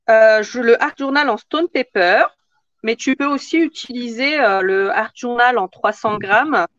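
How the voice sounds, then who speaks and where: A woman's voice: fairly high pitch, a bit bright, no echo, dull audio. A woman hosting a live craft tutorial in casual chat, answering viewer comments as she works.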